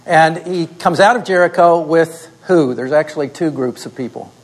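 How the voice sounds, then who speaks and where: A man's voice: fairly high pitch, normal speed, poor audio. Man leading a classroom Bible lesson. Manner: asks the class questions and answers them himself. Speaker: instructor. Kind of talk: classroom teaching.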